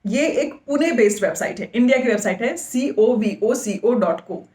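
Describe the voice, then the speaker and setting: A woman's voice: a little high, expressive, normal speed, darkish tone. Hindi-speaking woman host, echoey room. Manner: explains step by step, spells out website names. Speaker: podcast host. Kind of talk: casual advice talk.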